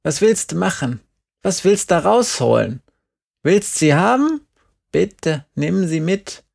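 A man voicing a stubborn, weary old farmer in an audiobook, speaking in a slow, drawn-out grumble. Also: high voice, very animated, vocal fry, darkish tone, pitched above the performer's own voice, heavily acted. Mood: matter-of-fact. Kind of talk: audiobook character voice.

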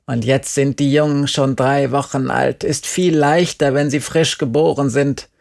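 A man voicing a stubborn, weary old farmer in an audiobook, speaking in a slow, drawn-out grumble. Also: mid-range voice, steady tone, vocal fry, darkish tone. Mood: matter-of-fact. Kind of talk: audiobook character voice.

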